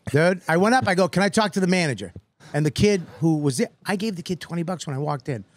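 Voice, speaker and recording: A man hosting a podcast, telling a comic story in an animated, profane way and acting out other people's lines. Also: sits high, quick pace. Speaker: podcast host.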